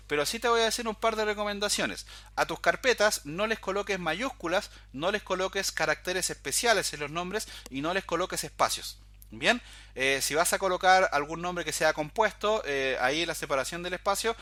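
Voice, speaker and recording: In a dry recording, a man with a bright, forceful voice on the high side teaches programming. His screen-recorded tutorial explains every step, and he keeps saying "fíjate" to highlight details for the viewer.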